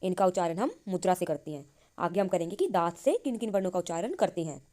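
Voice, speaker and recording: Her pitch is fairly low, her intonation lively, and her tone mellow. The woman works through Sanskrit grammar in Hindi, answering the questions she raises and lingering slowly over each syllable.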